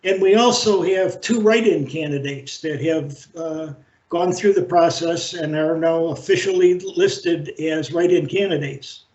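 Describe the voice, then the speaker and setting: A man chairing a library board meeting over a video call, speaking in a halting, measured way with frequent fillers. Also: on the high side, a little mellow. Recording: roomy, dull video-call audio.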